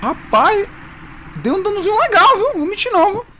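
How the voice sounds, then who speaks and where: A gaming YouTuber, giving lively live commentary while playing, yelping and teasing the enemy. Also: very high voice, brisk, a little hiss or hum. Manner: excitable, yelps and shouts at the game; talks to the enemy, playful teasing.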